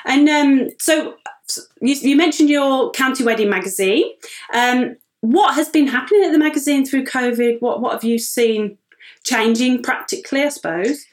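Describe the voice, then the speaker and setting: A woman's voice: high voice, normal speed. A British-accented woman hosting a podcast, moving from scripted introduction to interview questions in an upbeat, encouraging way. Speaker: podcast host.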